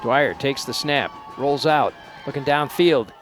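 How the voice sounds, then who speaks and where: Male play-by-play announcer for small-station college football, easygoing delivery, faint noise behind, mid-pitched voice. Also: measured pace, crowd noise. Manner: relaxed, unpolished, hesitant over names. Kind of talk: local college football commentary.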